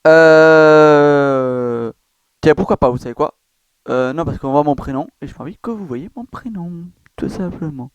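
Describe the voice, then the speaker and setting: A man's voice: on the high side, measured pace, smooth, no echo, dull audio. A man casually walking viewers through a gaming site, rambling with many fillers and self-corrections. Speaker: gaming YouTuber. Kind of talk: casual screen-recorded walkthrough.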